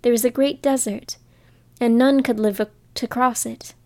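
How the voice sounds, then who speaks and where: A woman's voice: a little high, steady tone, moderate pace, dark tone, no room sound, close to an everyday voice. A woman voicing a worried Munchkin man in a storybook reading. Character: male Munchkin villager, worried.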